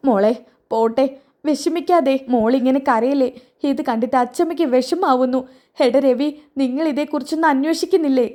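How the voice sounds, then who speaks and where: A woman voicing a kind old grandmother who fusses and scolds in a high, lively voice. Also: moderate pace, natural voice. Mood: fond, scolding.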